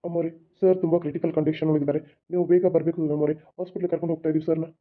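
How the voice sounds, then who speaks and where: A woman's voice: low-pitched, flat delivery, voice pushed down. A woman voicing an adult male aide who urgently reports bad news over the phone. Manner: urgent, respectful, hurried. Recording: tinny phone-like sound.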